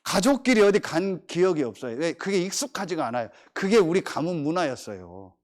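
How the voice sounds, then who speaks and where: A middle-aged pastor preaching with a lively, wide-ranging voice that sits a bit high for a man. He stretches out key phrases for emphasis, then drops into relaxed, joking family stories. His delivery is animated and emphatic throughout. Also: fairly quick. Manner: chatty, joking asides about family. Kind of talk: sermon.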